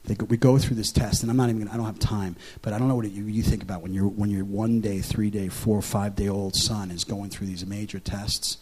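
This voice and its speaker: A male pastor preaching a sermon as a story, chatty and full of fillers and restarts, swinging into excited preaching. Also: on the low side, brisk, few pauses, slightly rough. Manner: conversational, with frequent "like" fillers and restarts; dramatic preacher who builds to loud, excited delivery.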